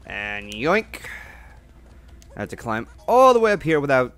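A man doing casual gameplay commentary as a streamer, excitable and foul-mouthed. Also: mid-range voice, measured pace. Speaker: game streamer. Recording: game music behind. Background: video game music.

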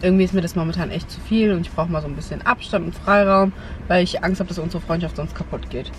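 A young adult woman hosts a vlog from inside a car, chatting and giving casual advice to a camera on the dashboard. Her voice is on the low side and she speaks fast. The car interior is noisy, with outdoor ambience in the background.

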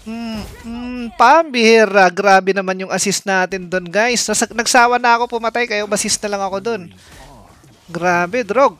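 A game streamer with a high voice talks at a moderate pace while playing live. He's excitable, commenting on the action, bursting into sudden exclamations, and playfully taunting his opponents.

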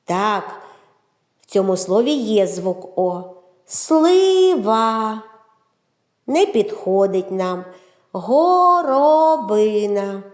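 A woman narrating a children's phonics lesson, with a slow, clear, drawn-out teacher's delivery. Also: medium pitch, mellow. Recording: roomy echo.

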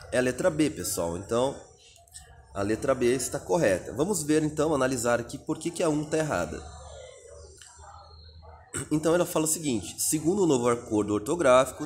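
A man's voice: medium pitch, darkish tone, slight background noise. A Brazilian man teaching a recorded exam-prep lesson, reading out answer options and explaining each one step by step. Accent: Brazilian Portuguese.

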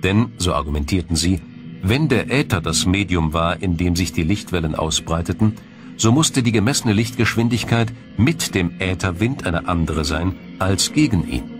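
A deep, low male voice narrates a scripted science documentary with measured, explanatory, yet expressive delivery. Background music plays clearly behind him.

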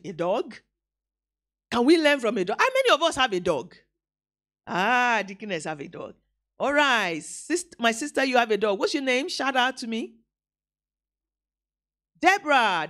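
A woman preaches a live sermon in a church, her high voice swooping widely as she goes. She acts out little scenes and calls out to the congregation, animated throughout. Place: church hall.

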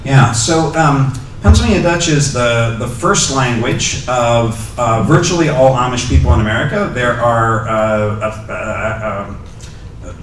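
A middle-aged guest lecturer answers questions from the audience slowly and hesitantly, with frequent ums and restarts, in a medium-pitched voice. He speaks into a handheld microphone at a podium in a lecture hall. The recording is far-off and echoey, with a little hiss or hum.

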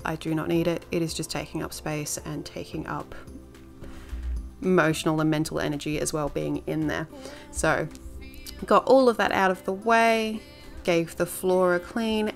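A woman's voice: low voice, creaky. A woman narrating her home cleaning video in a casual, chatty voice-over, rambling a little with filler words.

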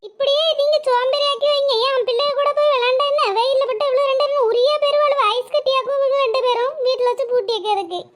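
A woman's voice: extremely high pitch, steady tone, fast talker, hardly any pauses. A woman voicing a stern, nagging village mother and wife in a cartoon, scolding and reproachful. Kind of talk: cartoon voice acting.

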